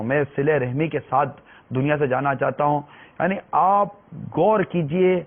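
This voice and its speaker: Male preacher, slightly high voice, earnest pleading delivery, tinny phone-line sound. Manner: earnest, pleading, repeats phrases. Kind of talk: religious talk.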